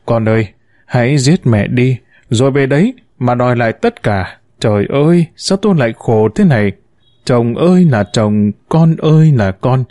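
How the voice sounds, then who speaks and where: A man's voice: medium pitch, lively intonation, normal speed, no room sound, studio quality, lightly acted. A man voicing a bitter, wounded middle-aged mother who reproaches and laments to her son in an audiobook story. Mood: pleading lament. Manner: reproachful, lamenting, sharp-tongued.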